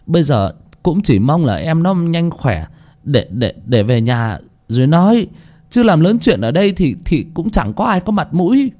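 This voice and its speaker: A man's voice: fairly high pitch, very animated, moderate pace, a little mellow, pitched above the performer's own voice. A man voicing an anxious young man who stammers while trying to soothe his family.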